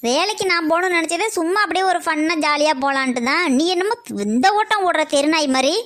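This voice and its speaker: A woman voicing a sharp-tongued, teasing cartoon woman who mocks her older sister. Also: very high voice, quick pace. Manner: mocking, lively. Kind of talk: cartoon comedy acting.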